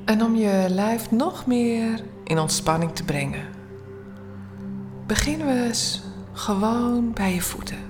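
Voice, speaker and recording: Woman doing a bedtime meditation, super slow n soothing, hushed almost whispery, music clearly playing behind. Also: medium pitch. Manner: slow, soothing, hushed, often near-whispered, with long pauses. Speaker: guided relaxation instructor. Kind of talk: guided bedtime body-scan meditation.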